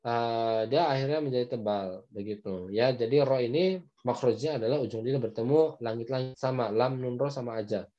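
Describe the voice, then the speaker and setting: Mellow-voiced Indonesian man teaching recitation. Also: mid-range voice, muffled recording. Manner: explains patiently, demonstrating letter sounds slowly. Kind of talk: online class lesson. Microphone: video call.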